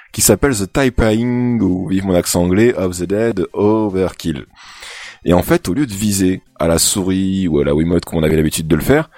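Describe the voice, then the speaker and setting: A man's voice: low-pitched, a little mellow, no room sound. A man chatting as a podcast panelist, rambling and hesitant with many fillers. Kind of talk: casual chat.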